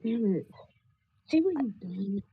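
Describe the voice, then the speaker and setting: A woman in a casual group chat whose voice sounds muffled, as if heard through a wall, making quick, breezy remarks. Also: very animated, creaky, breathy edge. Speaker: regular participant in an online audio chat. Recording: dull, muffled low-fidelity audio.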